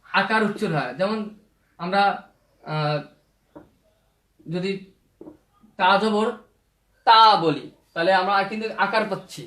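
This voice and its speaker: High-pitched man teaching letter sounds. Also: expressive, fairly bright tone. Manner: slow, repetitive drilling of letters and vowel marks. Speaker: Quran reading teacher. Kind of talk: spoken lesson on Arabic letter sounds. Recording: echoey room.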